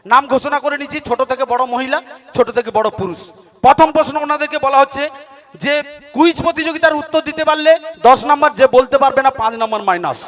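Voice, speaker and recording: Fast talking comedian guy, super high voice, telling funny stories. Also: a bit bright. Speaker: stand-up comedian. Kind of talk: comic storytelling.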